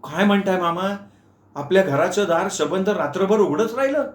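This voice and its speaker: A man's voice: high-pitched, animated, normal speed, voice pushed up. A male storyteller voicing a panicky young woman of twenty-two who stammers in fright, in an echoey room. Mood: anxious.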